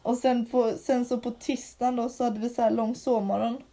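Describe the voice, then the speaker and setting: A teenage girl co-hosting a relaxed chat, with a warm, mellow voice set a little high. She tells stories at length and slips into the voices of the people in them. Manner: chatty storyteller, often acts out what people said. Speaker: podcast co-host. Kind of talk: casual chat.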